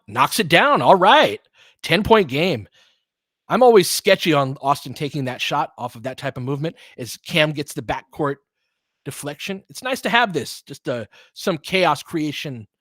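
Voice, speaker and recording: A man hosts an informal live audio play-by-play, commentating and analysing conversationally like a fan while chatting with listeners. His voice is medium in pitch with a fairly bright tone and no echo.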